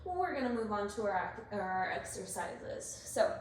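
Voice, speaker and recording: A woman leading an exercise class as instructor, giving brisk, directive cues and counts in short imperative phrases. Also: medium pitch, big pitch swings. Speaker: workout instructor. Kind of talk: exercise class coaching, cueing moves and counts. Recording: echoey room, distant mic, faint noise.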